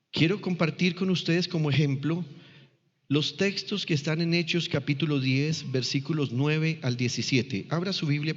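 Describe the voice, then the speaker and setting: A man with a fairly high voice delivers a sermon, pausing to ask the congregation questions as he teaches. His words ring out with a long hall echo. The recording sounds dull and lo-fi. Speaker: pastor.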